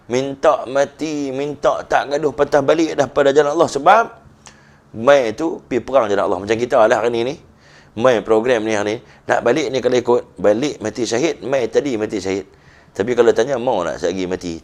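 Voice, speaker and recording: Northern malaysian ustaz guy telling stories to teens, lively, goes high when quoting people. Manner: animated storytelling, voicing quoted figures with rising pitch. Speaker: religious teacher. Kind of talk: youth religious talk.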